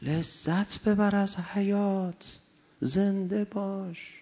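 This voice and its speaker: A man preaching a sermon, passionate, moving between loud urging and quiet storytelling. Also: high voice, steady tone. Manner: impassioned, swings from loud exhortation to quiet anecdote. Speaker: cleric.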